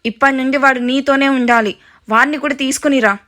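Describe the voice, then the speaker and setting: Woman doing a bossy older mother, scolding, high bright voice, storybook audio. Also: fairly even intonation, brisk.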